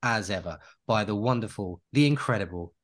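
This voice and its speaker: A podcast co-host with a lowish, a bit bright voice chats casually and enthusiastically at a brisk, animated clip. He piles on praise and rambles, restarting his sentences as he goes.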